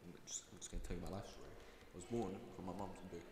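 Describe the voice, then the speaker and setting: A man's voice: low-pitched, fairly even intonation, racing, background noise. Rambling teen boy in an echoey room. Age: teens. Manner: rambling, restarts often, playful. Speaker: student podcast co-host. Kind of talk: casual chat. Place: school room. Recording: echoey room with long reverb.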